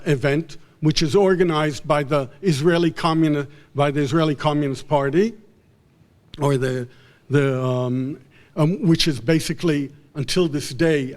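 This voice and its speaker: A male professor lectures without a script, his voice on the high side. He speaks haltingly, often repeating and restarting phrases.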